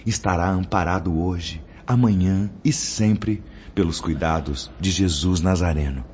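A deep, slightly mellow male voice speaks unhurriedly, playing a stern spirit mentor in a radio drama. He admonishes with solemn, oratorical declamation and rhetorical questions. The lo-fi recording sounds dull, with background music and slight background noise.

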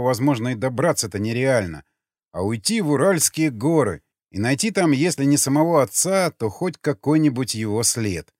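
A man giving an expressive, measured dramatic audiobook narration. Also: medium pitch, no echo. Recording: dry close mic, faint music.

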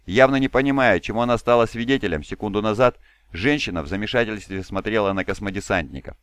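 A man reading an audiobook in a steady, even storytelling way. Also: fairly low pitch, fast, smooth, no echo. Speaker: audiobook reader. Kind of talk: audiobook narration. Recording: dry home recording.

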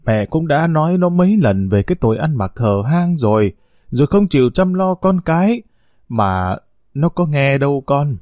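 A man voicing a worried, soft-spoken old grandmother in an audio story. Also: a little high, sing-song, normal speed, no echo, studio quality. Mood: weary.

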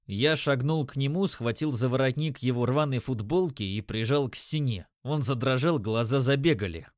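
A man narrating a story in a steady, measured audiobook style. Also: mid-range voice, dry recording, studio quality.

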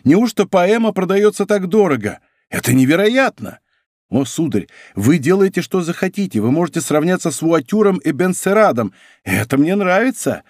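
A man's voice: a little high, sing-song, brisk, darkish tone, dry recording, clean studio sound. A man voicing a fussy, awestruck older male servant in an audiobook reading. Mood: astonished.

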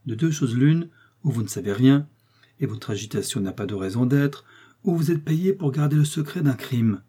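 Guy reading a determined young man, firm and pressing, dark husky voice. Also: mid-range voice, lively intonation, normal speed. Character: resolute young man seeking truth.

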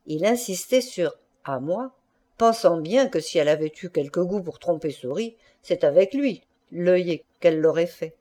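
A woman reading a classic short story aloud as an audiobook narrator, in an expressive literary style. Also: fairly low pitch, normal speed, few pauses. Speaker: audiobook reader. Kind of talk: scripted narration.

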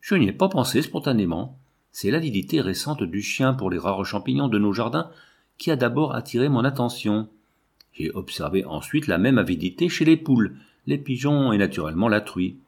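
A man's voice: mid-range voice, very animated, moderate pace, a little mellow, husky. A man reading the part of an earnest young scientist who lays out his reasoning patiently. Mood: explaining.

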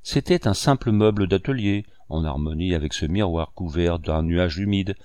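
A man narrating a classic French novel in a measured, literary reading style. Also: deep voice, a little mellow, no room sound, clean studio sound. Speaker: audiobook reader. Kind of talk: scripted narration.

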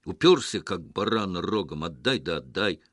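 Hoarse grumbling village man voiced by a male reader, low deep voice, dry sound, storybook reading. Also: sing-song, normal speed, fairly bright tone, no echo, exaggerated voice. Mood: grim. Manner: grumbling, stern.

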